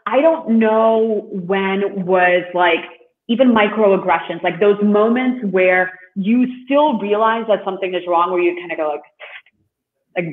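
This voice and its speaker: A man from Russia, a guest in an interview, talking in an earnest, halting way with many fillers. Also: sits high. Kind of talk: interview conversation. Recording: echoey, phone-like call line.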